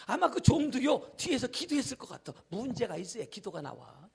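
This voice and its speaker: A male pastor preaching an evening revival sermon, telling a story dramatically, acting out characters, shouting and dropping to whispers. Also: extremely high pitch, huge pitch swings, brisk, vocal fry, breathy edge. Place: church hall.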